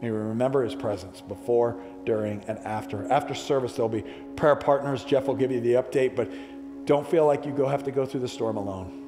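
A man's voice: medium pitch, fairly quick, music in the background. A male pastor delivering a sermon, building to emphatic repeated calls to the congregation. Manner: preaching with rising emphatic repetitions. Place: church sanctuary. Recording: long church hall reverb.

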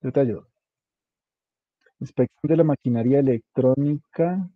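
A man's voice: mid-range voice, unhurried, no echo, narrow, tinny audio. A man, coaching a student step by step in an informal, casual way and spelling out small details. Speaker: instructor. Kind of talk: guiding a student through a web page setup.

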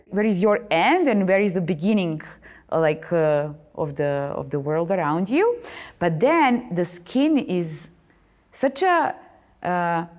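A woman in her thirties with a Serbian accent, a visual artist, talks animatedly in an interview monologue, using many fillers and restarts. Her voice is lowish with a darkish tone, and she is indoors at a boxing gym.

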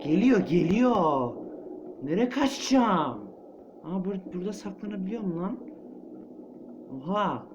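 A man's voice: sits high, expressive, measured pace, long pauses, noisy background. A man commentating a horror game as he plays, jumpy and panicky, muttering to himself and yelping. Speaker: gamer playing a horror game. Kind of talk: let's-play commentary. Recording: muffled lo-fi with loud game ambience.

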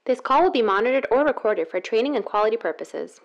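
A woman's voice: on the high side, lively intonation, fast, highs cut off, slight background noise. Woman acting a polite automated customer service voice. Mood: blandly polite. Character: automated customer service phone menu woman, blandly polite yet rude. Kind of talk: comedy sketch phone announcement.

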